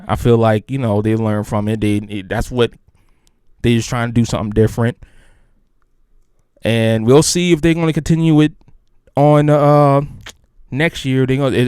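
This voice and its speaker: A man's voice: mid-range voice, darkish tone, smooth, no room sound, studio quality. Rambling man hosting a podcast. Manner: rambling, hyped, many restarts. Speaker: podcast host. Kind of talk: casual solo podcast talk.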